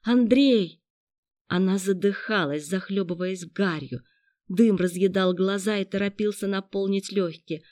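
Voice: mid-range voice, fairly even intonation, normal speed, darkish tone, no room sound, clean studio sound. A narrator reading a tense audiobook in a dramatic storytelling manner.

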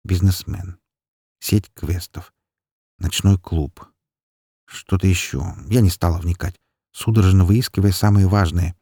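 Low husky man reading a story, close dry mic. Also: steady tone, unhurried, pauses often, dark tone, dry recording. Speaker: narrator. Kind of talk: audiobook narration of a first-person story.

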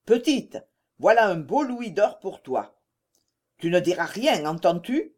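A woman's voice: mid-range voice, sing-song, unhurried, darkish tone. A woman voicing a sly, shameless rural farmer who feigns indifference, in a read-aloud story.

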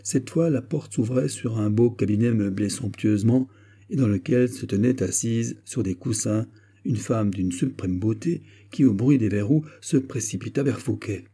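Low, dark-voiced male audiobook reader. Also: moderate pace, slightly rough. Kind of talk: scripted narration of a classic novel.

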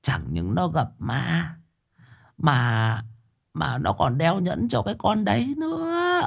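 A male storyteller voicing a secretive, gossiping old village woman who speaks in a hushed, conspiratorial voice. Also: fairly high pitch, very animated, slow pace, creaky, voice pushed up, heavily acted.

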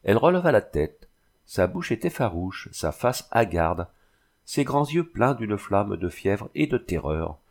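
Male narrator, lowish pitch, measured literary storytelling. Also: very animated, gravelly, darkish tone. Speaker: audiobook narrator. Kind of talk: scripted narration.

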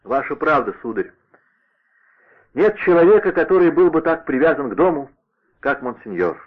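A man's voice: on the high side, very animated, normal speed, voice pushed up. A man doing a sighing fat old servant. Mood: mournful. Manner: mournful, deferential, fussy. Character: fat aging male servant, plaintive, sighing. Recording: narrow radio-like sound.

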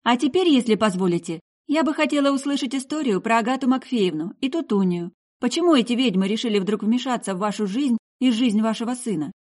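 A woman's voice: fairly high pitch, expressive, brisk, few pauses, darkish tone, pitched above the performer's own voice. A woman voicing an eager young female soul healer who presses with question after question.

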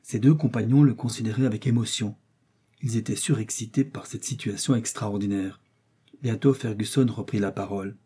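A man narrating an audiobook in a measured way. His voice is dark and mellow with a husky edge. Delivery is even and deliberate. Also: on the low side. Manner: measured reading. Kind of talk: scripted narration.

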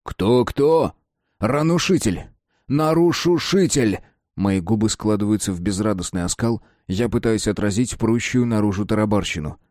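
Low-voiced male audiobook narrator. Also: fairly even intonation, fairly quick, hardly any pauses, a little mellow, no echo, clean studio sound. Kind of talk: first-person audiobook narration.

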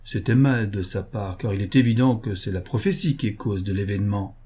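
A man reading as a kindly, good-humoured unmarried aunt. The voice is dark and husky. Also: fairly low pitch, a little fast. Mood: amused.

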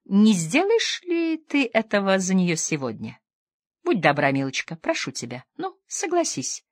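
A woman's voice: medium pitch, wildly swooping pitch, unhurried, no room sound, studio quality. A woman playing a tormented opium-dreaming lady. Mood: pleading. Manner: pleading, swings between soft murmurs and sudden outbursts. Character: tormented opium-addicted woman, pleading, feverish.

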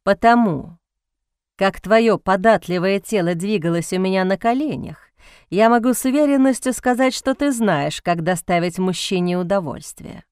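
A cold, cynical aristocrat man, put on by a woman reading an audiobook taunts in a low, hoarse, slow drawl. The voice stays smooth and clean, recorded close and dry, with menace under every word. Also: darkish tone, no room sound, natural voice. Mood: mocking.

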